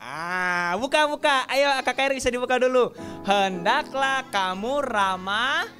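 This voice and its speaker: A woman teaching children in a church Sunday school talks in a rather high voice and takes her time over every word. She counts the class in before each verse they recite together, and her tone stays playful. Faint music plays softly behind her. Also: expressive, a little slow. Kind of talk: children's Bible lesson.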